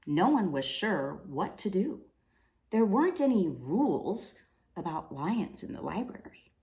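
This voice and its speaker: An echoey room surrounds a woman reading a children's storybook aloud. Her delivery is slow and deliberate, with very lively, dramatic swings in pitch. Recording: roomy, echoing room sound.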